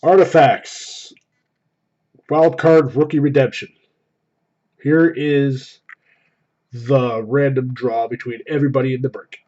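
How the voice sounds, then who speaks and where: A man hosting a card break with casual live commentary, announcing items in an enthusiastic, drawn-out way. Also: medium pitch, steady tone, mellow. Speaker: host of hockey card box breaks. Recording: dull, lo-fi microphone.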